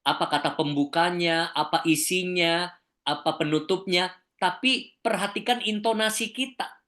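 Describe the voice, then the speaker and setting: Indonesian male communication coach, lively. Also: high-pitched, normal speed. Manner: lively, demonstrates intonation with flat and exaggerated examples. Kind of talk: webinar lecture. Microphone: video call.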